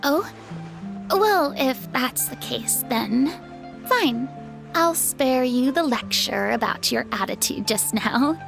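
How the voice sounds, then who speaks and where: A proud former goddess and retired stage diva for a video game. Her voice is high with some creak at the edges, and her phrasing is grand, formal and easily indignant. Light music plays behind her. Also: exaggerated voice. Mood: reluctant, proud. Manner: theatrical, haughty, indignant, formal wording. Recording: background music under clean studio dialogue.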